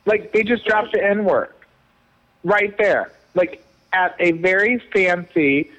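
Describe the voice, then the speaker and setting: A man's voice: high-pitched, slow pace, a bit bright, rough recording. A man from Illinois telling a story on a radio show, indignant and chatty, eating while he talks. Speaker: radio co-host.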